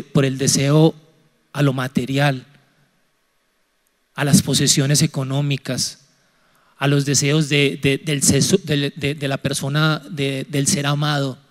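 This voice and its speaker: A man taking part in a church youth discussion, speaking in a measured, soft way with frequent restarts. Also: a little high. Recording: long hall reverb.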